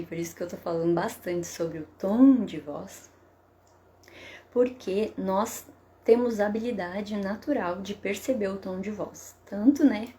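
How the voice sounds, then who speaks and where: A woman psychotherapist giving parenting advice in a live stream, explaining calmly and often checking in with a tag question. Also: mid-range voice, slight background noise. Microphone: webcam or phone for a live stream.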